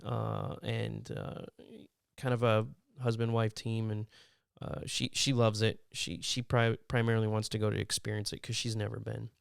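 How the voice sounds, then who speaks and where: A man hosting a casual podcast chat, an animated storyteller who acts out quotes in a high voice. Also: vocal fry, clear, resonant tone, no room sound, clean studio sound. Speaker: podcast host.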